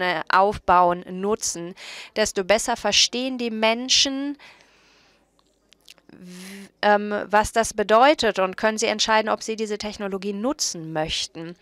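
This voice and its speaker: A woman interpreting a panel discussion live from a booth. Her voice is smooth and clean, with a dry, close sound and no room echo. She keeps a steady relaying tone and often corrects herself mid-phrase. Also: mid-range voice. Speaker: simultaneous interpreter.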